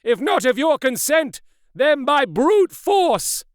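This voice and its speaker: A man's voice: very high voice, very animated, slow pace, no room sound, clean studio sound, pitched above the performer's own voice, full character voice. A man voicing a stern middle-aged male lawyer in an audiobook, speaking in a raised, commanding voice. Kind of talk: audiobook character reading.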